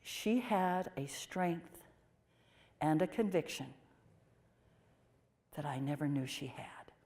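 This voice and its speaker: A woman portraying a pioneering 1830s nun, telling her story in the first person with expressive swings from emphatic to hushed. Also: deep voice, slow, heavily acted. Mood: earnest. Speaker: performer of a historical portrayal.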